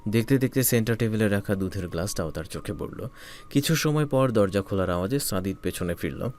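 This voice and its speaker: A man narrating a romantic story in a calm, soft, measured way. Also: lowish voice, slight background noise.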